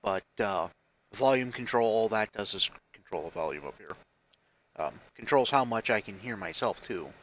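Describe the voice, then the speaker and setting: In his basement at home, a vlogger in his forties speaks casually into a headset mic in a lowish, bright, forward voice that is expressive and at normal speed. He rambles and keeps restarting, putting himself down with wry, weary honesty, and the audio quality is poor.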